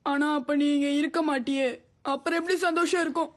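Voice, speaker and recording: A woman's voice: high-pitched, fairly even intonation, fairly quick, natural voice. A woman dubbing a lazy, clingy schoolboy in a cartoon, whining and pleading through tears. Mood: sad. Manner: whiny, tearful pleading. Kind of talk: cartoon dub acting.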